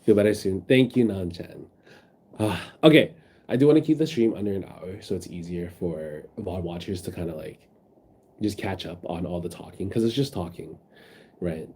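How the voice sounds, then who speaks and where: Recorded on a phone with slight background noise, a sniffling, unwell man chats casually on stream, wandering between topics and reading chat out loud amid many fillers. His voice is a little low, mellow and soft around the edges, at a normal speed.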